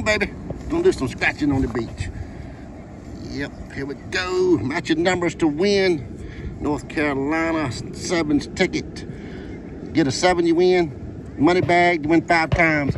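A middle-aged man, cheerfully calling out numbers as he scratches lottery tickets on a beach, recorded on a phone held close. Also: on the high side. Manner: cheerful running commentary, calls out numbers one by one. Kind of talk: casual upbeat vlog chat. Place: outdoors on a sandy beach by the ocean. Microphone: phone camera held close, pointed down. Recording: phone audio with wind and surf noise outdoors.

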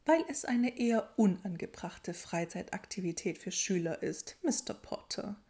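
A woman voicing a stern elderly headmistress with dry humor, speaking crisply and strictly. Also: mid-range voice, expressive, moderate pace, warm tone, natural voice. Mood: stern, teasing.

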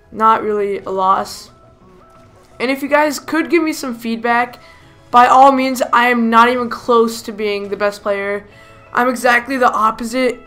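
Hoarse woman chatting over gameplay. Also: fairly high pitch, fairly bright tone. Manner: chatty, self-deprecating. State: hoarse, lost voice. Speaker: gaming YouTuber. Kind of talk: casual gameplay commentary.

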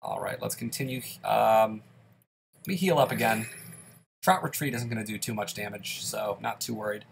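A man's voice: fairly low pitch, moderate pace, vocal fry, a little hiss or hum. Congested man doing let's play commentary. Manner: chatty, talks through each move. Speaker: gaming channel host.

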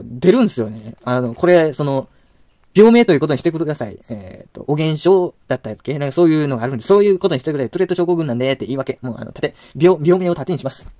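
Ranting fast-talking Kansai man. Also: on the high side, darkish tone, dry recording. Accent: Kansai Japanese. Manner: ranting, insulting, rambling with frequent restarts. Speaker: video blogger. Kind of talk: angry rant to camera.

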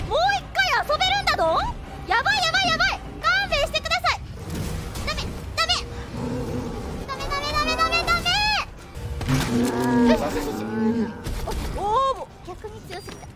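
A woman game streamer with a very high voice that swings wildly. She gives frantic, shrieky commentary in rapid repetitions, with ladylike polite wording, over loud game audio. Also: big pitch swings. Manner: frantic, screaming, repeats words rapidly. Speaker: game streamer, virtual character host. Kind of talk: excited gameplay commentary. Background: video game music and effects.

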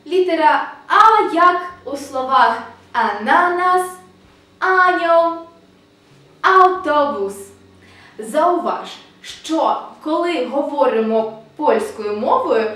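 A woman teaching a video language lesson, explaining patiently and often checking in with a quick "right?". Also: high voice, far from the mic. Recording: echoey room, voice a bit off-mic.

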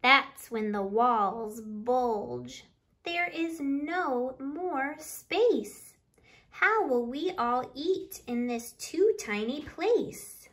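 A woman in her thirties hosts a children's storytime, reading a picture book aloud with expression to young listeners. Speaking from a small living room by a window a few feet from the camera, she uses a high, slightly bright voice at a very slow pace.

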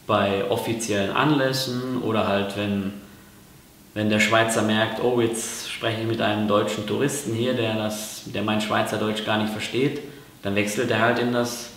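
A man's voice: on the low side, level tone, moderate pace, fairly bright tone, a little hiss or hum. A man from Germany explaining things in a casual vlog, talking hesitantly with lots of fillers and restarts. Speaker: vlogger. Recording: very echoey room.

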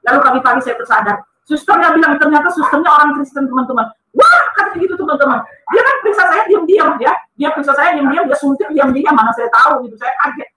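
A woman's voice: high voice, fast, few pauses, far from the mic, crowd noise. A woman giving an emotional personal testimony. She is earnest and emphatic, and she keeps turning to her listeners as friends. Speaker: testimony speaker. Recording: echoey room, voice from off-mic.

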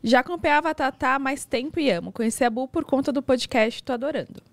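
Brief: young woman podcast co-host, high voice, laughs a lot, dry studio sound. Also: fast, no room sound. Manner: laughs often, reads fan messages aloud. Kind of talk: casual chat.

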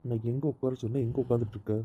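Fast-talking, dark-toned husband, bossy and teasing played by a man. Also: medium pitch, steady tone, husky, muffled recording, close to an everyday voice. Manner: commanding, teasing. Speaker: voice actor in audio drama. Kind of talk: amateur audio drama acting.

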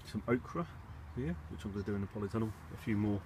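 With lively intonation and a quick pace, an English gardening vlogger rambles casually around his allotment and polytunnel, low-key and slightly hesitant as he thinks aloud. Wind and background rumble come through on the handheld recording made behind the lens.

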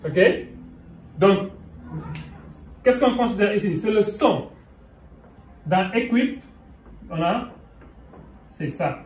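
A Senegalese man with a Senegalese French accent and Wolof as his first language gives a whiteboard grammar lesson, moving between French and English. His voice sits a little high and he speaks slowly and deliberately. He is heard from a distance in a roomy, echoing space. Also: animated, a little mellow, faint music behind. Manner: mixes French and English, checks in with "okay?". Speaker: English teacher. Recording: roomy sound from away from the mic.

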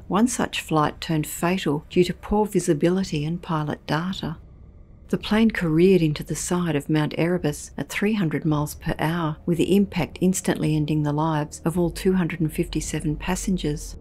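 A woman with a notably low, darkish voice narrates a scripted documentary story. Her delivery is measured and ominous, paced like a spooky narration.

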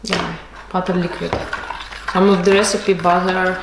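Her voice is fairly low, creaky and fairly flat in pitch, and she keeps a measured pace while teaching her child to bake indoors at the kitchen table. She's patient and instructive, speaking non-native English with some Russian words. Recorded by a camera across the table in an echoey kitchen, the background is noisy with clattering dishes.

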